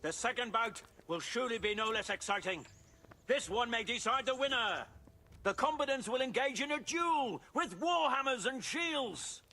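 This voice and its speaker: An actor playing a medieval tournament herald in a video game, making formal, declamatory proclamations. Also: male voice, expressive, moderate pace, heavily acted. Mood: proclaiming. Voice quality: high, bright, projecting. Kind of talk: formal ceremonial announcement. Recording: music behind the voice.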